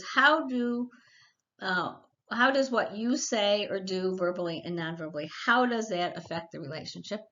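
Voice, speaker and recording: A woman's voice: mid-range voice, a bit bright, dull audio. A middle-aged woman giving a recorded college lecture in a chatty, practical way, with personal stories and asides. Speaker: college instructor.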